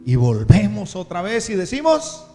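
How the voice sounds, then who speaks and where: High-voiced preacher in reverberant church. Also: male voice, wildly swooping pitch, moderate pace, warm tone. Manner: repetitive preaching with rising emotional questions. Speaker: pastor. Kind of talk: sermon. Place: church hall. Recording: long church reverb with music behind.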